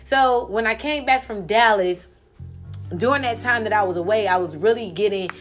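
Woman, podcast host, casual storytelling, middle pitch, faint background music. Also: normal speed. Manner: chatty, storytelling with asides. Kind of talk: casual interview chat.

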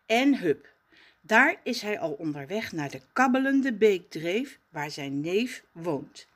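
Slow, lively woman reading a story. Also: medium pitch. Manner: gentle, expressive storytelling. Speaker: storybook reader. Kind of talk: reading a children's story aloud.

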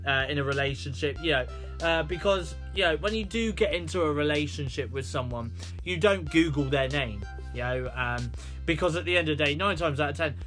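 A British man from the United Kingdom hosts a solo podcast, rambling along with lots of fillers and restarts. His voice is a little high with a fairly bright tone, and he talks fairly quickly over faint background music.

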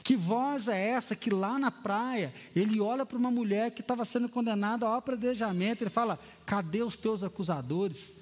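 A pastor, a man preaching a lively, storytelling sermon in a church hall. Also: extremely high pitch, brisk, hardly any pauses. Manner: lively storytelling preacher who acts out quotes. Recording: long hall reverb.

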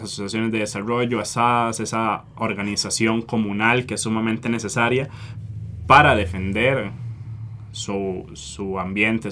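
A man with a Costa Rican Spanish accent, an environmental activist answering interview questions earnestly, often pausing with fillers. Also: lowish voice, pushed and bright, slight background noise. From Costa Rica. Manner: earnest, hesitant with frequent fillers.

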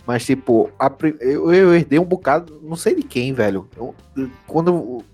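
A young man, telling self-mocking anecdotes in halting, slangy casual talk. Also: medium pitch, lively intonation, a little mellow, slightly rough, soft background music.

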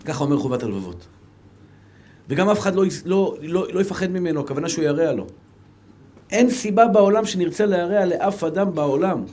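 A fervent Israeli rabbi with a high-pitched voice delivers a Torah lecture. He drops into soft, low asides and then climbs to raised, emphatic appeals to his listeners. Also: lively intonation.

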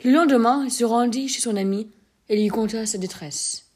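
A woman's voice: on the high side, breathy edge. Woman reading a classic story aloud. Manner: measured, expressive storytelling. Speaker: narrator.

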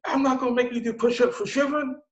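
A man voicing a loud, gruff army drill sergeant who barks his orders. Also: very high-pitched, fairly even intonation, fast talker, voice pushed up. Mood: amused barking. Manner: barking, then laughing hard. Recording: roomy, dull audio.

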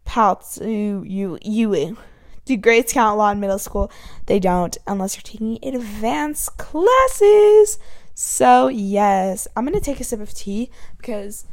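This teenage podcast host records alone in her bedroom, the mic close to her chin, rambling casually with plenty of fillers. Her voice is a little high yet has a darkish tone.

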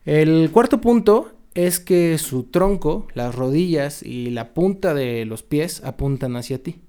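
A man talks in a relaxed, jokey way, dropping slang as he co-hosts a chat show. His voice sits a little high for a man. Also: takes it slowly, clear, resonant tone. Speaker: podcast co-host. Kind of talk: casual chat.

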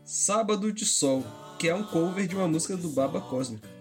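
Lively podcast co-host. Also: mid-range voice, brisk, soft background music. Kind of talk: casual chat.

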